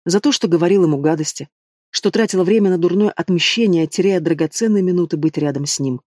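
A man narrating a fantasy novel in the first person, steady and dramatic. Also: high voice, fast, no room sound, clean studio sound. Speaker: audiobook narrator.

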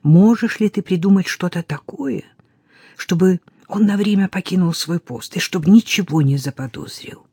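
A wary samurai father hisses his orders in a low, husky whisper, as the narrator puts him on. His tone is dark and mellow, and the audiobook sound is dry and close. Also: moderate pace, no room sound. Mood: hushed urgent. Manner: hushed, urgent whispering. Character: tense secretive samurai father. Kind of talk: audiobook character voice.

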